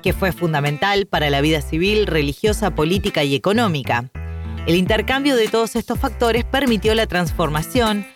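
A woman's voice: mid-range voice, lively intonation, normal speed, faint music behind. A woman hosting an interview, welcoming her guest and asking friendly questions with light laughter. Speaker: host.

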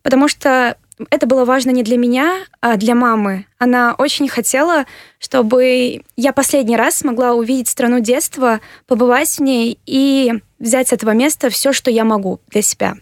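Young woman of eighteen, from Kyrgyzstan, earnest and measured, fairly high voice, dry close sound. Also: no echo. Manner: earnest, measured, with hesitant fillers. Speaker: interviewee, university applicant. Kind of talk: interview answers.

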